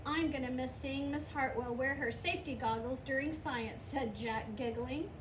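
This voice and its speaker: A woman with a high-pitched voice reads a children's picture book aloud at a moderate pace, putting expression into the dialogue. The recording sounds roomy and distant-miked, with clear background noise.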